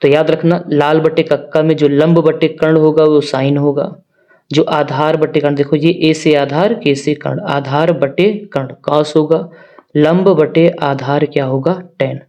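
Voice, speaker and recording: A man's voice: a little high, steady tone, a little slow, dark tone, highs cut off. A man teaching a maths lesson, talking straight to his students, asking them questions and answering them himself. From northern India. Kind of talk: classroom-style maths lesson.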